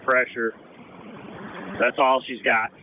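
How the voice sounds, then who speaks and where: A man talks in short firefighter radio messages over a tinny two-way radio. His pitch is medium, and faint noise sits behind the voice. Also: level tone, slow pace. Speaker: firefighter handling a hydrant. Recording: tinny, noisy two-way radio, vehicle sounds.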